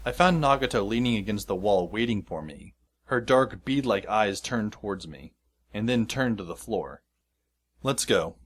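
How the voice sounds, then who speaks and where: A fairly low-pitched, slightly bright male voice narrates in the first person as a wry, exasperated teenage schoolboy. The scripted telling is dry and sardonic, and he serves as both narrator and lead actor in a fan audio drama.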